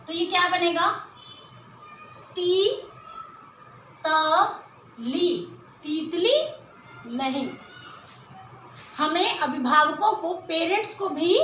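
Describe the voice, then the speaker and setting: Woman teaching kids hindi, really high bright voice, stretches out every syllable, echoey room. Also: slight background noise. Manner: slow, drawn-out syllables when sounding out words; patient explaining, frequent rhetorical questions. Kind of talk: children's Hindi lesson at a board.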